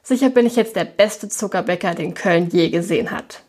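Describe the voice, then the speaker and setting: A charming young confectioner, read by a woman, playful and a little boastful. The voice is slightly husky, at a middle pitch. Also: a little fast, darkish tone. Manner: teasing, lightly boastful.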